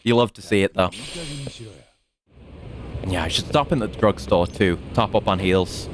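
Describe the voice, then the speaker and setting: A man's voice: low voice, measured pace, background noise. A man giving casual gameplay commentary, thinking aloud in a rambling way. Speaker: video game streamer.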